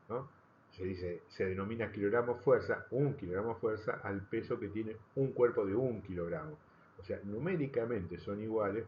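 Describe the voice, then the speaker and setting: A man's voice: lowish voice, muffled recording, slight background noise. A man teaching a physics class in a recorded lecture. He explains patiently, rephrases his points and checks in with his students. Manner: explanatory, rephrasing often, checking understanding with tag questions. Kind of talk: recorded lecture over slides.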